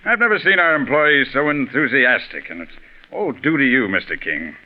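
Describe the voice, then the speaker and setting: An actor playing a jovial, fawning sponsor in a 1940s radio mystery, effusive in manner. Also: male voice, medium pitch, very animated, normal speed, close to an everyday voice. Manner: effusive, chuckling, slightly hesitant. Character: eager, fawning, jovial businessman and programme sponsor. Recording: tinny vintage radio recording.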